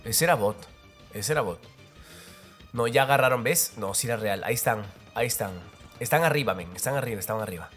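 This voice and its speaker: A man giving live, excitable commentary over his own gameplay, repeating words in rapid bursts and cheering. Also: medium pitch. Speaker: mobile game player and creator. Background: faint game music and gunfire.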